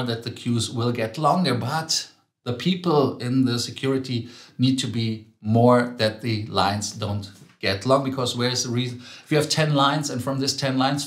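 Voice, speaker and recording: A man's voice: medium pitch, reverberant. A man with a German accent hosting a travel news show, chatting casually with many ums and self-corrections.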